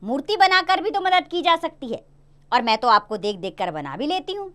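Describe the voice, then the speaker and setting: An eager, pleading young village girl with a very high, bright and lively voice, as a woman reading a class play puts her on. She begs and argues with a lot of energy. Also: normal speed.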